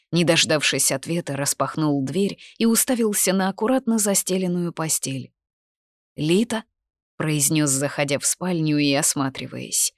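A woman narrating a fantasy novel as an audiobook, with expressive storytelling that sometimes drops to a hush. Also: deep voice, no room sound, clean studio sound.

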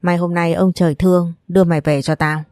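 A woman reading the lines of a crude, menacing drunken older man in a storybook, voicing his coarse, vulgar threats in a low, mellow voice. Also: flat delivery, brisk, no room sound, clean studio sound, lightly acted. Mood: leering.

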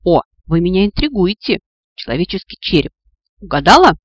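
A man's voice: high voice, sing-song, fairly quick, dry recording, lo-fi sound. A man voicing a sassy young female witch with a cheeky, sarcastic way of talking, in an audiobook.

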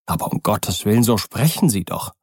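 Male reader as grave middle-aged lawyer, low and insistent, dry recording. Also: animated, normal speed, slightly rough, dry recording. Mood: concerned. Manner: earnest, insistent.

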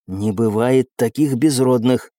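A man's voice: mid-range voice, very animated, moderate pace, dark tone, dry recording, clean studio sound, lightly acted. A man voicing a bruised, resentful young noble cadet who speaks in a sullen, bitter way.

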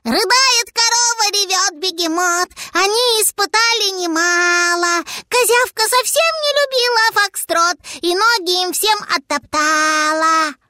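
A tiny boy dragon from a storybook, voiced by a woman, eager and boastful. His voice is very high, bright and lively, swooping as he stretches his words into a slow sing-song, and the sound is close and dry. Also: no room sound, heavily acted. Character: small childlike male dragon, eager and boastful.

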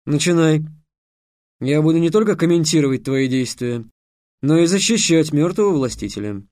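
Мужчина-чтец озвучивает строгого, насмешливого декана, обучающего ассасинов; говорит наставительно и повелительно. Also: male voice, fairly high pitch, moderate pace, darkish tone, no room sound, studio quality, natural voice. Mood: commanding. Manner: lecturing, sarcastic, commanding. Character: stern, scornful male dean teaching assassins. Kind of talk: audiobook character voice.

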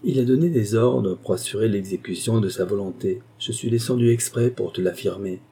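A man voicing an irascible older uncle who shouts and bullies in a storybook reading. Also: fairly low pitch, brisk, gravelly, slightly rough. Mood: coaxing. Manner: shouting, bullying. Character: irascible elderly male uncle, blustering.

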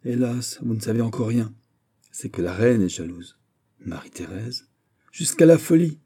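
A man's voice: mid-range voice, big pitch swings, moderate pace, dark tone, breathy edge. A man reading aloud and voicing an impassioned, jealous young king who pleads and bursts out. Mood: aggrieved. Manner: pleading, rising to outbursts.

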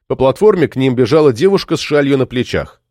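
A male narrator reads a novel aloud with lively, animated pitch. The sound is close and dry, with no room in it. His storytelling is expressive and steady. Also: fast, no echo. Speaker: audiobook narrator. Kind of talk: scripted narration.

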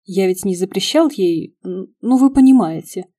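A woman reading the lines of a courteous, sad middle-aged man in an audiobook, soft and wistful. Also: mid-range voice, expressive, moderate pace, natural voice. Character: polite, sad middle-aged male restaurateur.

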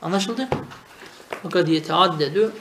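A man gives a traditional grammar lesson, asking his students questions and then answering them himself. His voice sits high for a man. The recording rings with the echo of a bare room. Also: a little slow, noisy background. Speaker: teacher of Arabic grammar. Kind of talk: traditional madrasa-style lesson.

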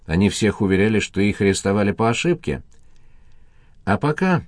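A guy reading a calm in-charge gentleman, decisive and polite, low and dry. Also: a little fast, no room sound, close to an everyday voice. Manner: decisive, polite but insistent. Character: calm, firm, gallant older man in charge.

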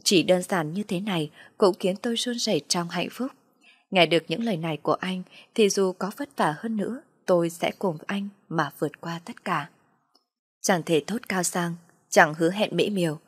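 Brief: woman narrator for an audio story, low-pitched, soft and sorrowful, dry close sound. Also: slightly rough, dry recording.

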